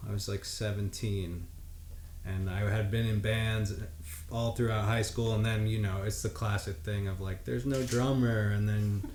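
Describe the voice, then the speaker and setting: A man in his twenties, a drummer guest, telling his story in a relaxed, loose way full of fillers. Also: lowish voice, normal speed. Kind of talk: casual interview chat. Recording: echoey room with faint noise.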